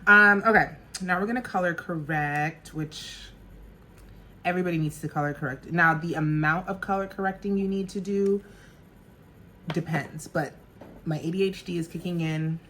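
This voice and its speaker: Chatty woman in her thirties, lowish voice. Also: steady tone, normal speed, bright, forceful tone, slight background noise. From New Jersey. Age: 30s. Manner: bubbly, chatty, laughs often. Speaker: makeup artist and vlogger. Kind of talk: casual get-ready-with-me chat. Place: home.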